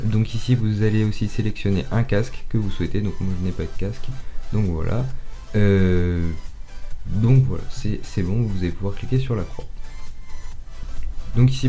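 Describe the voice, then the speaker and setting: Mellow-voiced man presenting a tutorial. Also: on the low side. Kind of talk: step-by-step software tutorial. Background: background music.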